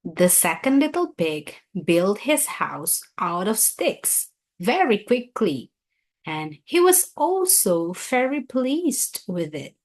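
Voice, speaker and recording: With a mid-range voice, a woman gives a children's story a deliberate, expressive reading.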